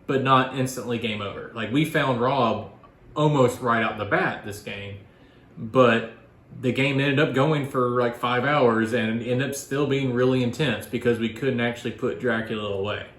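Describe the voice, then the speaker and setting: A man's voice: medium pitch, moderate pace, a bit bright. A man chatting informally as a guest board game reviewer, explaining his opinions in a rambling, casual way. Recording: echoey room.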